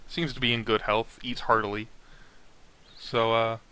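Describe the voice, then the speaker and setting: A male game master narrates a tabletop session in a casual, halting way, full of fillers. His voice is bright, in a middle pitch. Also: little pitch movement, clean tone.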